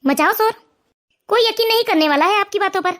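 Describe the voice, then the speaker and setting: A woman's voice: extremely high pitch, a little fast, fairly bright tone. A woman voicing a smug, sleazy young son-in-law in a cartoon, with a mocking, scornful manner. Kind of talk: cartoon voice acting.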